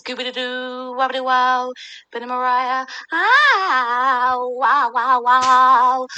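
A woman's voice: sits high, takes it slowly, pushed and bright, smooth, lo-fi sound, faint music behind, voice pushed up, full character voice. A woman singing a playful nonsense intro jingle for her own podcast. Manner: silly nonsense singing, drawn out.

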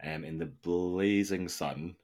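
A man chatting casually as a podcast co-host, speaking hesitantly with frequent pauses. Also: low voice, darkish tone. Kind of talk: casual chat.

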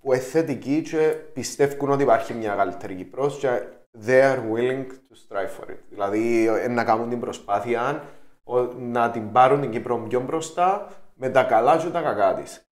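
A man with a Cypriot Greek accent hosting an interview, speaking haltingly and often switching into English phrases. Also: mid-range voice. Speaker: podcast host, interviewer. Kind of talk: conversational interviewing. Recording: roomy, echoey sound.

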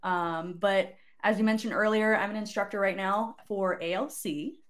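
A woman in her late twenties from Southern California, appearing as a guest in a relaxed chat. Her voice is of middling pitch, and she talks in an easygoing way with frequent laughs. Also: moderate pace. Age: 20s. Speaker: guest, army instructor. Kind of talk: casual chat.

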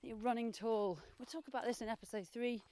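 A woman talking while jogging and walking briskly outdoors, giving chatty, encouraging coaching as a running podcast host. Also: on the high side, steady tone, dark tone. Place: outdoors on hilly paths and forest. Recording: faint outdoor noise and birdsong. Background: outdoor noise, birdsong.

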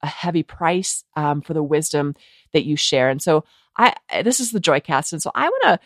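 A woman hosting a podcast interview, speaking earnestly and affirming her guest, with halting restarts. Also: deep voice, expressive, no room sound, studio quality. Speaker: podcast host.

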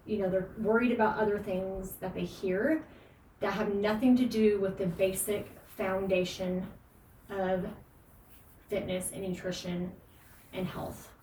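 A woman's voice: medium pitch, fairly even intonation, measured pace, mellow, echoey room. Woman fitness podcast host, emphatic and earnest, distant mic with faint noise. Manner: emphatic, earnest, frequent fillers and laughs. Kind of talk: casual podcast advice.

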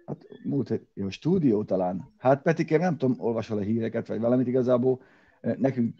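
A man's voice: medium pitch, dull audio. A man co-hosting a casual car show, talking in rambling bursts with fillers and restarts. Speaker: podcast co-host. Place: separate room from co-hosts.

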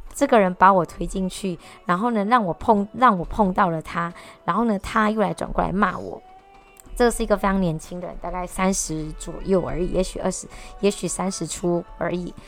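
A woman telling a personal story to camera in a casual, animated way, often restarting and repeating words. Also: on the low side. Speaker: vlogger.

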